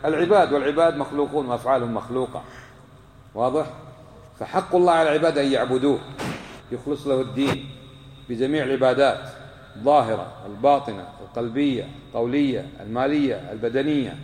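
A man's voice: medium pitch, fast talker, darkish tone, a little hiss or hum. A man giving a religious lesson to a live class, quizzing his listeners and repeating key points for emphasis. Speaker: religious teacher. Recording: echoey hall with long reverb.

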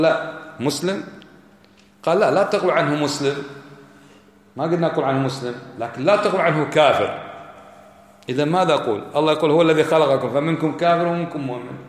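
A man's voice: on the high side, fast, long pauses. A man giving a religious lesson, arguing his points with rhetorical questions. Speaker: preacher. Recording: echoey hall.

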